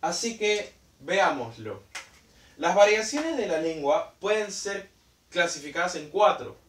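A man explains a language lesson in a higher, animated voice, slowing down to stress each key term. He sits back from the mic, so the roomy echo of the space carries his words. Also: a little hiss or hum. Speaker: teacher. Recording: roomy sound from a distant mic.

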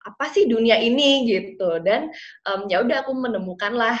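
Fairly high-pitched with lively intonation at normal speed, this Indonesian woman in her twenties, partly raised in London and Ethiopia, is an interview guest chatting casually and animatedly. She moves fluently between Indonesian and English over a video call from a small plain room indoors, and the audio is dull and lo-fi.

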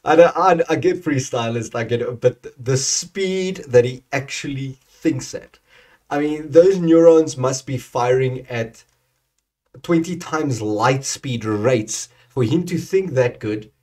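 A man hosting a reaction video, talking casually to the camera with lots of fillers, swinging between loud excited bursts and quiet asides. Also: medium pitch, takes it slowly. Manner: enthusiastic, filler-heavy, swings from loud to soft.

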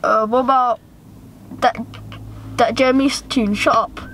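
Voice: mid-range voice, steady tone, unhurried, a bit bright. An actor playing a cocky thirteen-year-old wannabe roadman boy with a London accent, talking tough in street slang in a comedy sketch. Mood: awkward bravado. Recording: noisy outdoor recording, distant mic.

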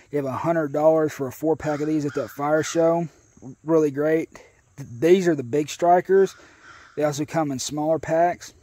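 The recording is dry, and the speaker's voice is fairly high and warm. He is an American outdoor video host, about thirty-something, reviewing gear casually to camera in a grassy rural yard with a folksy, conversational manner.

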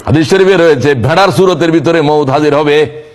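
A man preaching a sermon, moving between plain speech, sing-song chanted recitation and sudden high exclamations. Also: a little fast.

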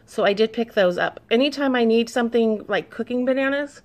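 A woman's voice: fairly high pitch, brisk. A woman in her thirties, a mom chatting casually to camera about her shopping haul, easygoing and reading labels aloud.

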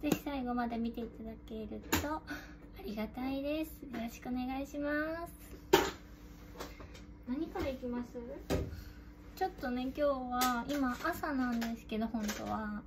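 A woman's voice: high-pitched, moderate pace. A young woman with a cute, girlish anime-style voice, chatting casually to camera as she hosts an unboxing vlog. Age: young adult. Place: room at home. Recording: noisy room, rustling and clicks.

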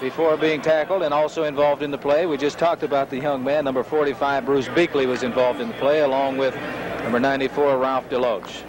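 A man's voice: mid-range voice, flat delivery, brisk. An American man calling live football play-by-play on a 1970s TV broadcast from an indoor stadium. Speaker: play-by-play sportscaster. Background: loud stadium noise.

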